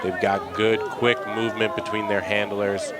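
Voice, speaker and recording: A man's voice: on the low side, little pitch movement, normal speed, very noisy. A man doing colour commentary at a live outdoor match, analysing tactics and player backgrounds. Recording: loud crowd behind.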